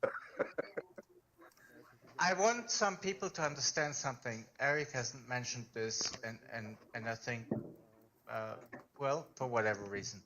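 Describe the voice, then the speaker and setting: A man's voice: medium pitch, measured pace, pauses often, pushed and bright, slight background noise, low-quality recording. A man hosting a live stream chat, talking in a rambling way and stumbling over repeated words.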